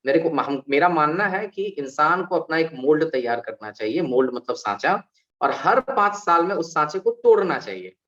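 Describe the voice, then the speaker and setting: A man, an alumni guest on a panel, talking in an animated way and explaining with examples and rhetorical questions. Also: a little high, moderate pace. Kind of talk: conversational panel talk. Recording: dull lo-fi recording.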